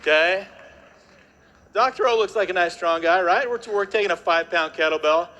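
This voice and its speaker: A man presenting on stage to a live audience, energetic and jokey, working the crowd with constant tag questions. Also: high-pitched, normal speed.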